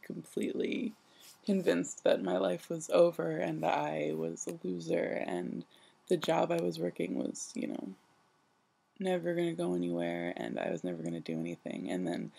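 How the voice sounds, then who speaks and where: A young adult woman who just woke up, talking in a sleepy, casual vlog style, rambling haltingly and self-deprecatingly with a husky, creaky voice. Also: on the low side, darkish tone. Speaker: vlogger. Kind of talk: casual personal vlog monologue.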